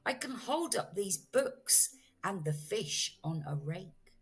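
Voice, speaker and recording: A woman's voice: mid-range voice, big pitch swings, takes it slowly, slightly rough, full character voice. A woman voicing a mischievous, boastful, cheerful male cat in a playful showman's patter for a children's storybook. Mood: boastful, excited. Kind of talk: children's storybook read-aloud.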